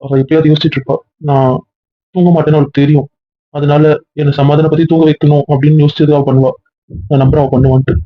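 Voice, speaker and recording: Fast-talking upset man, flat pitch. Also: muffled recording. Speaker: husband in a family web series. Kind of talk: emotional web series acting.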